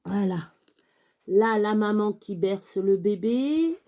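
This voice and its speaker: Slow, mellow woman spelling words. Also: mid-range voice, expressive, slight background noise. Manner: spells words letter by letter, chatty asides. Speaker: children's storyteller. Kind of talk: casual reading and spelling lesson for children.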